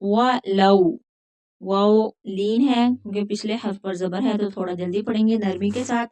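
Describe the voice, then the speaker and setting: A woman teaching a Quran recitation lesson, patiently explaining pronunciation rules step by step and repeating words slowly. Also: mid-range voice, fairly even intonation, dark tone. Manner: recites verses in a drawn-out chant.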